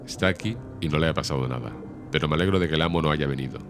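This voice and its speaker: A man's voice: extremely low pitch, very fast. A frank farmhouse maidservant, read by a man. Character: plain-spoken farmhouse maidservant woman. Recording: music behind the reading.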